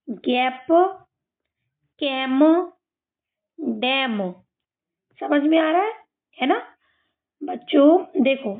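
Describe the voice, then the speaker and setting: A woman teaching children a phonics lesson, sounding out each word slowly and patiently, often checking whether they follow along. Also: sits high. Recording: tinny phone-like sound.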